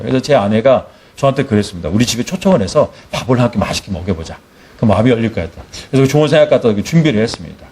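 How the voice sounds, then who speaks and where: A man's voice: mid-range voice, husky. A middle-aged male missionary preaching a sermon, telling a personal story and acting out the dialogue. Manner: animated storyteller, acts out dialogue.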